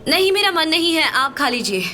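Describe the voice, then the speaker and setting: A woman dubbing a lively young woman in a TV drama, polite and light. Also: sits high, fairly quick, a little hiss or hum, full character voice. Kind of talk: dubbed TV drama dialogue. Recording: dubbed dialogue over loud music.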